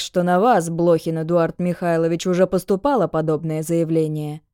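A woman's voice: medium pitch, warm tone, no echo, clean studio sound, natural voice. A woman voicing a stern male police captain who talks in firm, formal official phrases.

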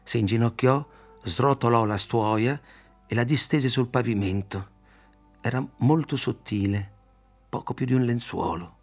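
A man reading a literary novel aloud, in a measured, even storytelling manner. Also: medium pitch, husky, faint music behind. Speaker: audiobook reader. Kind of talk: literary audiobook narration.

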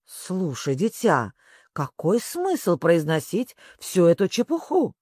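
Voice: medium pitch, wildly swooping pitch, takes it slowly, darkish tone, breathy edge, no echo, studio quality, exaggerated voice. Reader doing a gloomy old sea creature. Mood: grumbling. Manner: mournful, grumbling.

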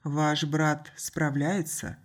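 A woman voicing a determined male spaceship captain who speaks in a measured, earnest and insistent way. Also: low-pitched, flat delivery, exaggerated voice. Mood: grim.

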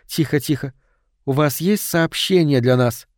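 A man reading the part of a calm woman medium who speaks softly and slowly at a seance. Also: mid-range voice, no room sound, studio quality, lightly acted. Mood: hushed. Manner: hushed, slow and soothing. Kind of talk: audiobook reading.

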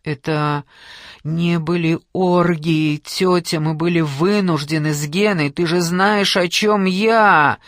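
A man's voice: high-pitched, takes it slowly, a bit bright, dry recording, studio quality. A man reading an audiobook, voicing a young wife who cries out and pleads with her family. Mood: desperate. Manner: crying out, pleading.

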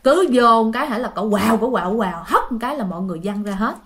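A woman's voice: on the high side, expressive, very fast, a bit bright. A woman narrating a ghost story in a chatty way, often addressing her listeners directly.

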